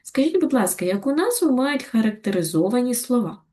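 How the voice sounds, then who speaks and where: A woman with a Ukrainian accent giving a recorded lesson to young schoolchildren, explaining patiently and clearly. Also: on the high side, sing-song, a little fast, mellow. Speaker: primary school teacher. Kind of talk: recorded video lesson for children.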